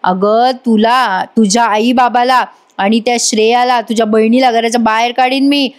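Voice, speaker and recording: Villainous middle-aged aunt, voiced by a woman narrator: domineering, menacing, a little high-pitched. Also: fairly even intonation, normal speed, natural voice. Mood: threatening. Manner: menacing, bullying.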